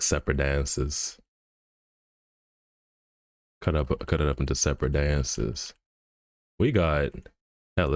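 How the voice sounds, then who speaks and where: Low-voiced man muttering while he works. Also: darkish tone, dry recording, studio quality. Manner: muttering to himself, thinking aloud, humming beeps. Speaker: streamer. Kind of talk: casual livestream commentary while animating.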